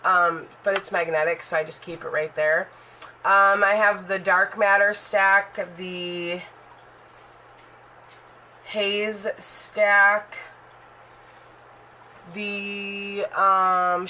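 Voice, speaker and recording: A woman's voice: mid-range voice, fairly even intonation, drawn-out words, bright, forceful tone, a little hiss or hum, low-quality recording. A woman in her thirties talking casually in a vlog about her makeup collection, rambling and full of fillers. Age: 30s. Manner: rambling and chatty, heavy on fillers. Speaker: beauty vlogger.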